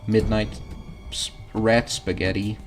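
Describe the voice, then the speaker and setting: A man's voice: fairly low pitch, little pitch movement, slow, music in the background. A man giving casual gaming commentary as a streamer, talking to viewers while he plays. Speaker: game streamer.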